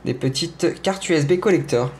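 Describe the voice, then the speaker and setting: A man's voice: fairly high pitch, normal speed, a little mellow. Chatty young French man with a rambling vlog voice. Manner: rambling, lots of hesitations and self-corrections; playful and enthusiastic about collectibles. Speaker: gaming streamer showing his setup. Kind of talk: casual room tour vlog. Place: his gaming room indoors.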